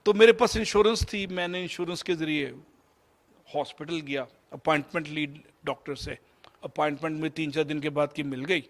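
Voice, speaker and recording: A man in his fifties from Pakistan with a Pakistani Urdu accent, telling a personal story in a motivational lecture and slipping English phrases into his Urdu. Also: fairly high pitch. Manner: mixes English phrases into Urdu, shifts between loud and soft. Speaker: motivational speaker.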